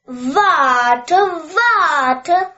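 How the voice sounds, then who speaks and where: A small talking frog from a storybook, played by a woman, pleading in a drawn-out, high, bright voice. Each word comes very slowly. The recording sounds a little dull. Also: animated, heavily acted. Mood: calling out.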